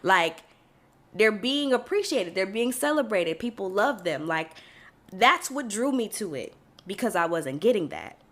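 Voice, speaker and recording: A woman's voice: medium pitch, animated, normal speed, fairly bright tone. A young woman talks through her thoughts on her own podcast. Her delivery is casual and reflective, full of "like" and restarts as she works out what she means. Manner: chatty and reflective, many fillers and restarts. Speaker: podcast host. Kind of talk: casual solo podcast monologue.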